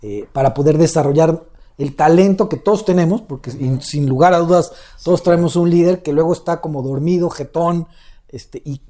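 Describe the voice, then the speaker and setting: Host guy, mellow tone, chatty follow-up questions. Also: fairly high pitch, moderate pace. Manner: conversational, asks follow-ups. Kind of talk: interview questions.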